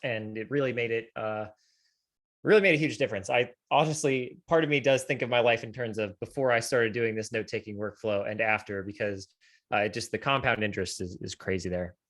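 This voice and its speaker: A man's voice: fairly low pitch, fairly quick, a bit bright. A man co-hosting a podcast, rambling thoughtfully in casual conversation. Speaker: podcast co-host. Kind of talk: casual chat.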